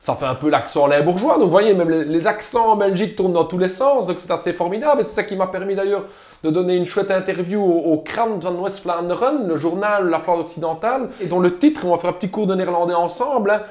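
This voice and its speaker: A man's voice: high-pitched, fast, darkish tone. A man with a Liège accent, a politician giving an emphatic video message to viewers and asking rhetorical questions. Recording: roomy echo.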